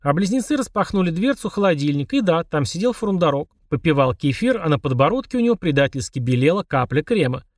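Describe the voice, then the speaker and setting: Male audiobook reader, wry and animated, slightly high voice, close dry studio sound. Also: fast talker, hardly any pauses, no room sound. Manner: expressive, wry storytelling. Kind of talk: scripted narration of a children's fantasy book.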